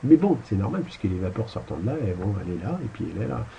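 A man's voice: fairly low pitch, big pitch swings, very fast, gravelly, dark tone, a little hiss or hum, rough recording. A man giving a casual spiritual lecture over slides, rambling and colloquial, with crude asides. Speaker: spiritual teacher.

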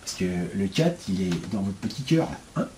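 Lively, blunt man lecturing on spirituality. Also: low voice, moderate pace, noisy background. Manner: colloquial, blunt, peppered with asides. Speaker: spiritual teacher.

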